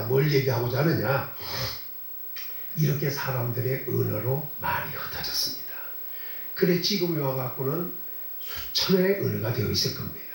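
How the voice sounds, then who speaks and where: Male pastor, conversational sermon, lively shifting pitch, asks and answers his own questions, very reverberant room with a distant mic. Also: gravelly. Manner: conversational preaching with rhetorical questions; repeats phrases for emphasis. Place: church sanctuary.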